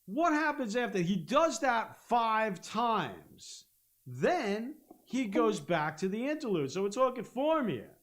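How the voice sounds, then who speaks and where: A man teaching a guitar lesson on a live stream, explaining step by step and humming out rhythms, with loud guitar playing behind him. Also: sits high, big pitch swings, slow. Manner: explains step by step, hums rhythms, checks in with "okay?". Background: guitar playing and looper.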